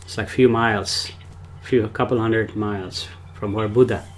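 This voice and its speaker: A man's voice: on the low side, fairly even intonation, normal speed, a little hiss or hum. Rambling man. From Nepal. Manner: rambling, talks of himself in the third person. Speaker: spiritual teacher. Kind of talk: casual livestream talk.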